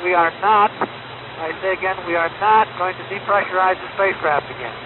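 A man's voice: sits high, normal speed. A man, an astronaut in orbit, talking in clipped radio procedure over a spacecraft radio link from a helmet headset. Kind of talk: terse air-to-ground radio exchange. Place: inside a small spacecraft. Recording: crackly narrowband 1960s radio transmission.

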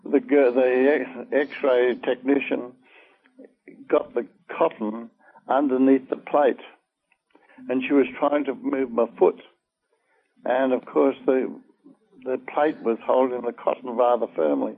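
Older male interviewee, slow and gravelly, halting recollection, tinny phone-like recording. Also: medium pitch, fairly even intonation. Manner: slow, halting storytelling with many fillers. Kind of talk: oral history recollection.

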